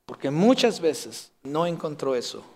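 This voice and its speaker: A man's voice: a little high, big pitch swings, unhurried, darkish tone. A man preaching a sermon as pastor, earnestly addressing his congregation directly.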